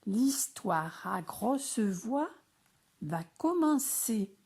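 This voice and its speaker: A woman voicing a gentle, slightly timid father frog in a storybook reading, soft and reassuring. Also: on the high side, big pitch swings, extremely slow, husky, full character voice.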